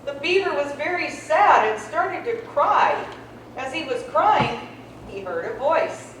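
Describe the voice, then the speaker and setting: A woman's voice: high-pitched, lively intonation, measured pace, a bit bright, a little hiss or hum. A woman reading a legend aloud to a gathering, voicing the beaver's lines plainly. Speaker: reader of a legend. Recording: echoey hall, mic far off.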